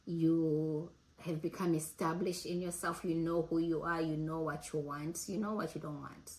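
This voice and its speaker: A woman in her late forties talking earnestly and reflectively to her audience, pausing and restarting as she gathers her thoughts. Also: low-pitched, fairly even intonation, a little mellow, low-quality recording. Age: 40s. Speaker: host. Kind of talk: reflective casual talk.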